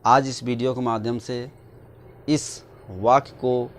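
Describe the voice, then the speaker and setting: A man's voice: medium pitch, steady tone, takes it slowly, slight background noise. A man from India explaining English grammar step by step, asking his own questions and answering them, dictating example sentences word by word. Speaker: English teacher.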